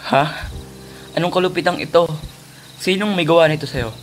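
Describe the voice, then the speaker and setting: Male actor as compassionate indignant warrior, fairly high voice, dramatic old radio drama, faint background noise. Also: normal speed, close to an everyday voice. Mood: shocked indignation.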